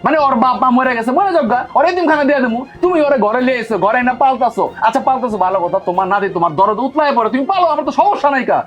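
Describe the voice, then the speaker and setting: A man's voice: very high-pitched, lively intonation, rapid-fire, few pauses, faint music behind. An actor playing a hot-tempered elder son who scolds his mother. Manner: scolding, quarrelsome. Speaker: elder son in a family drama. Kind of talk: television drama acting.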